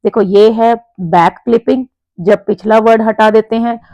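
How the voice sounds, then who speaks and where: A woman teaching an exam lesson, reading sentences slowly and explaining in Hindi. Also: fairly high pitch, fairly even intonation, dark tone, no echo, lo-fi sound. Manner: reads English sentences slowly, explains in Hindi with frequent "theek hai". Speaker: English teacher. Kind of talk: exam-prep lesson walkthrough.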